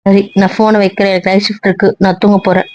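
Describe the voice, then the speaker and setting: Bitter, sarcastic wife, fast cutting delivery, dry audio, played by a woman. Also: mid-range voice, level tone, darkish tone, no room sound, dull audio, lightly acted. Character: hurt, bitter young wife on the phone. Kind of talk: amateur audio drama.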